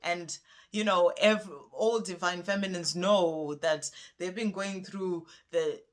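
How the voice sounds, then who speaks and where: A woman chatting casually on a spiritual vlog, rambling and gentle as she talks through a song and pulls cards. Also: fairly low pitch, steady tone, slow. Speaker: spiritual card reader.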